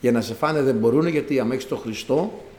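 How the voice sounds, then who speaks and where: A man preaching a sermon in a lively, emphatic way, acting out the voices he quotes. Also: mid-range voice, echoey room. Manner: animated preaching, acts out quoted voices, rising to emphatic peaks. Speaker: priest.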